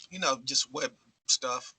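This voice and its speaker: A man's voice: medium pitch, measured pace, bright, forceful tone, husky, no echo, poor audio. A man on a video call, talking hesitantly with many fillers while eating lunch. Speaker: developer at a clerk's office. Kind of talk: casual chat.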